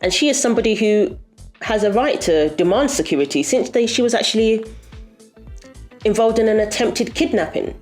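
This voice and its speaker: A woman's voice: fairly high pitch, animated, moderate pace, darkish tone, faint music behind. A woman hosting a commentary video, talking in an indignant, emphatic way. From Britain. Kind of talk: opinionated commentary.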